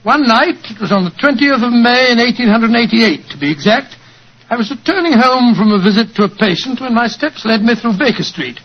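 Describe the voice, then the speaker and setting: An actor playing a genial older English doctor and loyal friend, hearty and avuncular, in 1940s radio drama style. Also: male voice, very high-pitched, animated, a little fast, slight background noise. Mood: storytelling. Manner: avuncular, hearty, old-fashioned exclamations. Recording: muffled 1940s radio broadcast recording.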